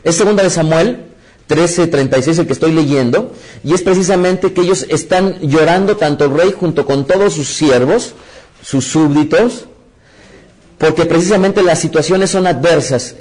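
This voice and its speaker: Man preaching, animated sermon, slightly high voice, talks straight to the audience. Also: normal speed. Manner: animated storytelling with sudden rises in pitch and loudness; addresses audience directly, reads scripture aloud.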